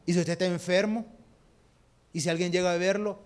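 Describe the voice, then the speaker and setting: A man's voice: high voice, steady tone, a little fast. A man with a Salvadoran accent preaching a sermon, putting rhetorical questions to the congregation and using homely examples. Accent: Salvadoran Spanish. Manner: rhetorical questions to the congregation, calling them brother.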